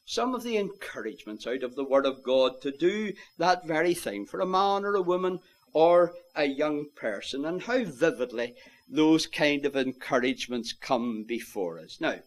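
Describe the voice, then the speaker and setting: A man preaching an evangelistic sermon, earnestly pleading with his listeners and rising to loud, impassioned calls. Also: medium pitch. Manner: old-fashioned biblical phrasing.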